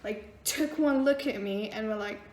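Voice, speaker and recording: A young woman tells a story in a casual vlog, blunt and animated, swearing freely. Her voice sits high. The room around her adds a noticeable echo. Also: normal speed. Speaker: vlogger. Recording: echoey room.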